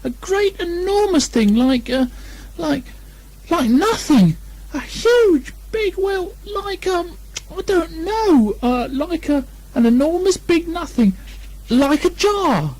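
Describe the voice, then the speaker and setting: A man voicing a small, timid male piglet from a storybook, squeaky, anxious and stammering. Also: very animated, slow pace, a little mellow, heavily acted. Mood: anxious, excited. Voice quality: squeaky, thin. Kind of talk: storybook character voice. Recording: lo-fi 1980 amateur recording.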